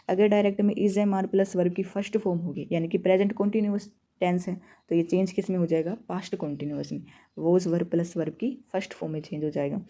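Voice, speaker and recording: A woman with a Haryanvi Hindi accent and a lowish, mellow voice teaches grammar for exam preparation. She walks through each rule step by step, poses questions and answers them herself, and reads example sentences slowly.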